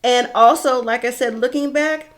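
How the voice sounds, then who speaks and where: A middle-aged woman with a fairly high-pitched voice tells a personal story. She speaks casually and candidly in a conversational way, using dramatic pauses.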